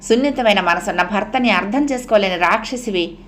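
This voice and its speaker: A strong-willed young woman from an audio novel who will not let her friend go. She coaxes her and then turns sharp and sarcastic, voiced by the woman narrating. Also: medium pitch, a little fast, slight background noise, lightly acted. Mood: sarcastic, scolding. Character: firm, caring young woman, cousin and friend.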